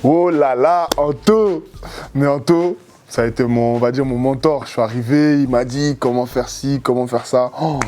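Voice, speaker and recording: Answering an interviewer's questions, a former reality show contestant from Cameroon, a young man, rambles casually with plenty of fillers and repetitions. He speaks at a moderate pace in a medium pitch, and there's a little noise in the background.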